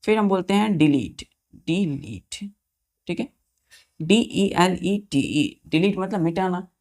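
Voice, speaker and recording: A woman teacher with a slightly low voice goes over English words for exam students, spelling them letter by letter and repeating each meaning several times. She keeps checking with questions that the children understand. She sounds expressive and a bit mellow, taking her time.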